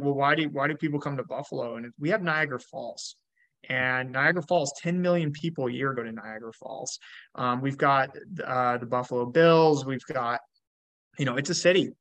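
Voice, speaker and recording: Guy from georgia chatting on a podcast, bright forceful voice, lots of ums, dry sound. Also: mid-range voice, no room sound. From Georgia, US South. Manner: chatty, many fillers and restarts. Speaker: podcast guest, rental investor. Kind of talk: casual interview talk.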